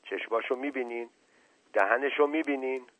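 A man doing a gruff terse villager. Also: mid-range voice, a bit bright, dry recording, voice pushed up, close to an everyday voice. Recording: tinny phone-like dry recording.

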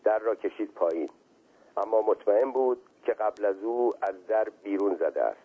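A man with a husky voice reading a story aloud in a measured, even way, heard as a tinny radio reading. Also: fairly low pitch. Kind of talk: scripted narration of a story. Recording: tinny phone-like radio sound.

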